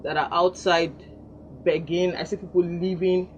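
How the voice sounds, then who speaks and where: On a lo-fi radio broadcast with faint background noise, a woman guest answers interview questions in the studio. She is a gospel singer from Delta State with a Nigerian accent, and her lowish voice has a flat delivery at a moderate pace. Her words are soft-spoken, earnest and devout.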